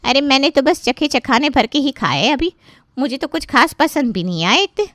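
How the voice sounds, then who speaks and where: Cartoon aunt of the groom played by a woman, greedy, pushy, complaining, high, bright, swooping voice. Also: very animated, moderate pace, no room sound, clean studio sound. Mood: scornful. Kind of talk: cartoon voice acting.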